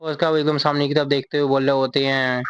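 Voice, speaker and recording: A man's voice: medium pitch, level tone, quick pace, smooth, no room sound, dull audio. A man casually retelling a manga chapter as a recap narrator. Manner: reads character lines in the same plain voice.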